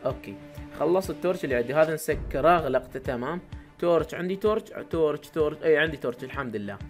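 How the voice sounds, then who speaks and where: A young man with an Iraqi Arabic accent, giving excitable live commentary to his viewers while playing a game, with sudden loud exclamations. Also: fairly high pitch, very fast, soft background music. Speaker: gaming YouTuber.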